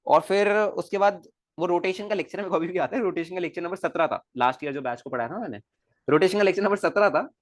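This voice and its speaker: Animated male physics teacher, dry room. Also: high voice, quick pace, dry recording. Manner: animated, coaxing, repeats questions to students. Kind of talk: recorded classroom lecture.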